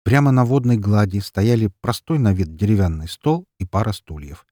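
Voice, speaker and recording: Husky expressive male audiobook narrator. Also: fairly low pitch, normal speed, no room sound, studio quality. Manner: expressive, dramatic reading. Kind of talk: scripted narration.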